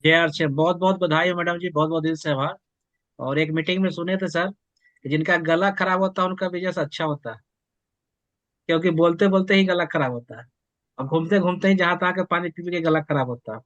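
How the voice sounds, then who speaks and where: A man's voice: a little high, steady tone, fairly bright tone, no echo. Deferential man co-hosting a video call. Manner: deferential, quick prompts and congratulations. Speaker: co-host. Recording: dry, muffled video call audio.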